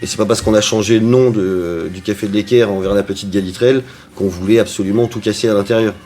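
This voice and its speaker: A man's voice: fairly low pitch, steady tone, fast, dark tone, slight background noise. A man who owns and cooks at a restaurant, answering interview questions in a chatty way with frequent hesitations. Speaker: restaurant owner and cook.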